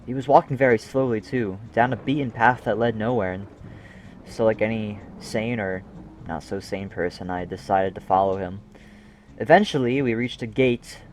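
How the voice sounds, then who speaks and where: A man's voice: on the low side, normal speed, darkish tone, slight background noise. A young man narrating a gaming story in a jokey, self-mocking way, swearing and breaking into asides. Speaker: gaming video creator. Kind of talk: comedic scripted narration.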